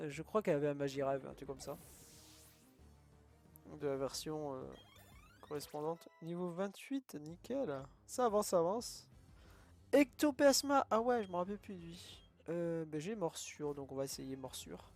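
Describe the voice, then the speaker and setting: A man's voice: fairly high pitch, expressive, moderate pace, darkish tone, faint music behind. Chatty man commenting a game. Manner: chatty, thinks aloud, laughs often. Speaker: gaming youtuber. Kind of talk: let's play commentary.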